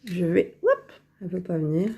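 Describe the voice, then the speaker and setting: A woman talking her way through a crafting tutorial, unhurried and thinking aloud as she works, correcting herself as she goes, close to her phone. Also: lowish voice, huge pitch swings, creaky, mellow, husky. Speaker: crafting vlogger. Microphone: phone held very close to the face.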